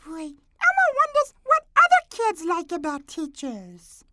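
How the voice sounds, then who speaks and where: A man's voice: very high voice, wildly swooping pitch, a little slow, very noisy, heavily acted. A man voicing a cheerful little furry red monster boy who talks about himself in the third person, for a children's podcast. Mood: curious. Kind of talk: children's podcast puppet character. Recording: background music.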